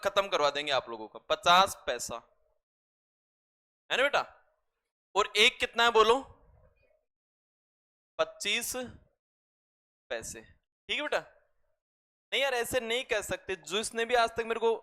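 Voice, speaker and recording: A man teaches a math class in a chatty way, full of jokes and asides to his students. His voice sits high and sounds bright and forceful. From Rajasthan, India. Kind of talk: classroom lecture.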